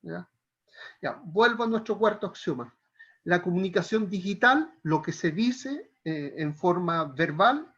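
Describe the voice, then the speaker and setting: A man with a high voice leads a Bible counseling lesson, laying out each point slowly and checking in with the class again and again. The recording is dull and lo-fi, as from a classroom. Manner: explains step by step, asks the class "¿ya?" often. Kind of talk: classroom lecture.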